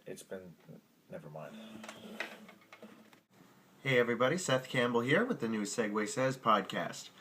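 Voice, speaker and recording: His medium-pitched voice is sing-song, pushed and bright, at a moderate pace with frequent pauses, and there's a little hiss or hum. He hosts a music lesson podcast from the piano, and these casual outtakes catch him fumbling words, chuckling at himself and cursing under his breath over his own piano or guitar.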